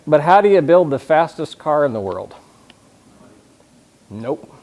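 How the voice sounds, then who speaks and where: Speaking live to a conference audience about leadership, a man with a slightly high, sing-song, darkish voice talks unhurriedly. He is casual and jokey, restarts often, and asks the room questions.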